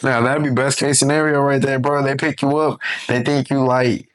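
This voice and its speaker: A man's voice: mid-range voice, little pitch movement, moderate pace, poor audio. A man co-hosting a podcast, giving emphatic, opinionated takes in casual chat and swearing freely. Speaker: podcast co-host.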